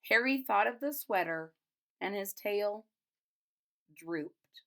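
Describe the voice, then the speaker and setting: A woman reads a children's picture book aloud expressively, pausing to explain and retell it in simple casual words. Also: medium pitch, expressive, gravelly, pushed and bright. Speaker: storybook reader.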